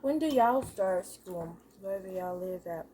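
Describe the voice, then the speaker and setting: A woman's voice: medium pitch, expressive, unhurried, warm tone, a little hiss or hum. A woman chatting casually with her viewers while eating, chewing as she talks. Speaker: host of an eating video.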